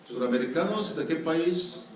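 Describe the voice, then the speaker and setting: A man with a Salvadoran accent preaches as a guest pastor to a live congregation, joking and drawing listeners in with questions. His voice is a little high, with lively intonation at normal speed. The distant mic captures an echoey, noisy church hall.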